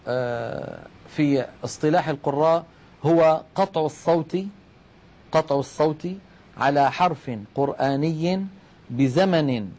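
Middle-aged male recitation teacher, somewhat high voice, patient step-by-step lesson with rhetorical questions. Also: darkish tone. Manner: addresses listeners as brothers. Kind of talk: religious lesson on Quranic recitation.

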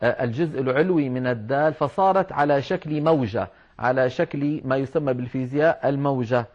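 A man teaching Quran recitation rules, explaining patiently and slowing down to demonstrate words. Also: mid-range voice, a little mellow. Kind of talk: religious lesson on Quran script and recitation. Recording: dull lo-fi recording.

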